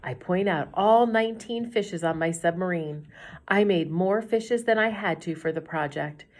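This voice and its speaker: A middle-aged teacher reads a children's chapter book aloud gently, like a storyteller, at normal speed. Her voice is a little low, and she whispers the quiet lines.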